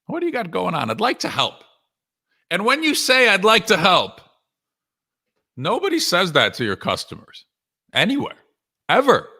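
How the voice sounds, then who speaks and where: A man with a high-sitting, sharp voice coaches sales in a live webinar he hosts as an author. He talks to viewers conversationally, in short punchy bursts full of rhetorical questions.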